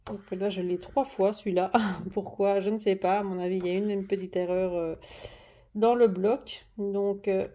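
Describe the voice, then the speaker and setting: A woman chats through a craft haul at her desk, pausing often on fillers and restarting her sentences. Her voice is mellow and soft-edged, with a plain middle pitch. She addresses the camera in relaxed, easy talk. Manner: chatty, hesitant, many fillers and restarts. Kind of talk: casual show-and-tell vlog. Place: at home at a desk. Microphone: camera on the desk, moved closer and back.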